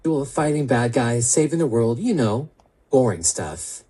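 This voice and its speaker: Lady put through a morphing voice changer, super deep and husky, joking around at a cafe. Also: lively intonation, measured pace, mellow, exaggerated voice. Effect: voice changer shifting her voice far lower.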